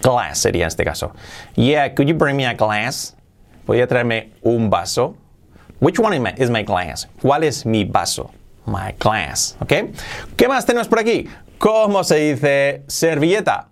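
A man from Spain with a Spain Spanish accent teaches English vocabulary in a relaxed spoken lesson. His voice is gravelly and his pitch jumps about a lot, especially on questions. He says each word several times and moves back and forth between Spanish and English. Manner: repeats words slowly, switches between Spanish and English.

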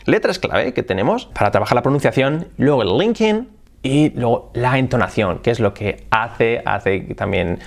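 A man's voice: mid-range voice, expressive, moderate pace, creaky. A Spanish-speaking man teaching an English pronunciation lesson, moving between Spanish and English example phrases. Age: adult.

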